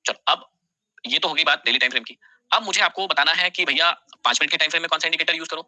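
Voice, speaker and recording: A man's voice: on the high side, rapid-fire, sharp tone, no room sound. A man teaching a live online class, repeating key phrases for students to write down and talking to them directly, scolding and then reassuring.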